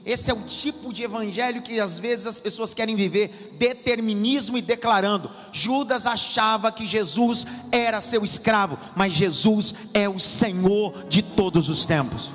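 Pastor, high voice, sermon building in fervor, reverberant church hall, soft music behind. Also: male voice, a little slow, few pauses. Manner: preaching with rising intensity, repeating lines.

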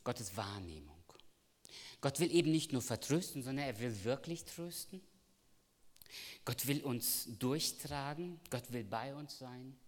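A man preaching a sermon, telling a personal story and swinging from hushed lines to loud ones. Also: medium pitch. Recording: long reverb of a hall.

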